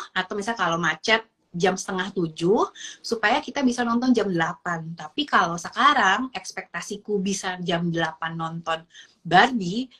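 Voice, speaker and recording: Husky, chatty woman explaining parenting. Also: medium pitch. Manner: lively, acts out little dialogues in shifting voices; chatty, uses fillers and English words. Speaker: parenting educator. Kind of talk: casual explainer talk.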